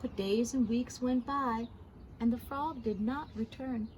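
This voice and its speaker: A woman with a high voice reads a children's storybook aloud. Her delivery is expressive and very unhurried, with gentle commentary for young listeners. Faint noise runs behind her voice. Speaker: storybook reader.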